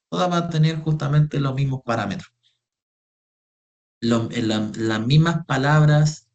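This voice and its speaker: A man's voice: mid-range voice, a little mellow, highs cut off. A young man teaching an online spreadsheet class, patiently repeating himself as he explains. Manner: patient, repeats phrases, calls students "chiquillos". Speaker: Excel workshop instructor.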